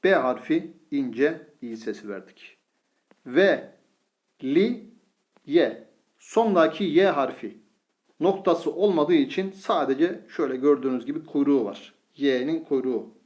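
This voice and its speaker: A man's voice: a little high, expressive, moderate pace, a little mellow, highs cut off. A man teaching a reading lesson in a patient, step-by-step way, sounding out syllables one at a time.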